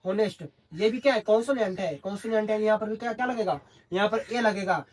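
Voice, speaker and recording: A man's voice: high-pitched, quick pace. Man teaching, quizzing himself. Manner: constantly asks and answers his own questions. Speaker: English grammar teacher. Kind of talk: classroom lesson in Hindi.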